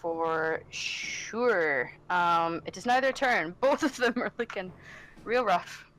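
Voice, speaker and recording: A woman's voice: lowish voice, slow, a bit bright, low-quality recording. A Scottish woman narrating a tabletop game as game master, chatty and laughing often. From Scotland.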